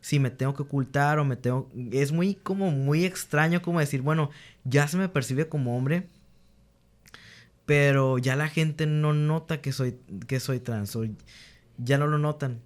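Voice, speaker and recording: His voice sits on the high side and he speaks a little slowly. The young man is a teacher being interviewed, earnestly sharing candid stories about his students, acting out their back-and-forth, and restarting frequently.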